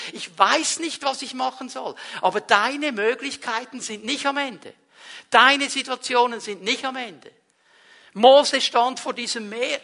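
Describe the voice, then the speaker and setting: A man preaching a sermon at a church service, swinging between loud emphasis and hushed, quiet passages, and acting out quoted prayers. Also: high-pitched. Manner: acts out quoted prayers and voices.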